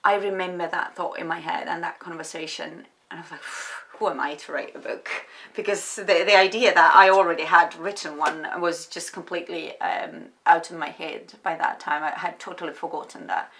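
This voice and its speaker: A woman from Estonia, a writer answering interview questions in a reflective, hesitant way with many pauses and restarts. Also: on the low side, fairly even intonation, fairly bright tone.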